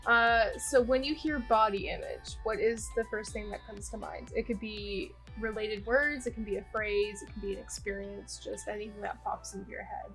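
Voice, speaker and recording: A woman's voice: mid-range voice, fairly even intonation, moderate pace, few pauses, fairly bright tone, faint music behind, poor audio. Giggly young woman interviewing over video call. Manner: chatty and giggly, loose question phrasing.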